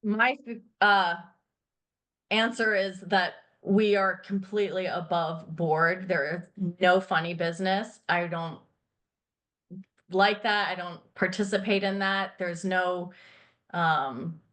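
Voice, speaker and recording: This finance company founder, a middle-aged woman who grew up in Thailand and England, has a fairly low, steady, fairly bright voice and speaks slowly. In a casual interview chat she's open and candid, laughing easily and filling her speech with fillers.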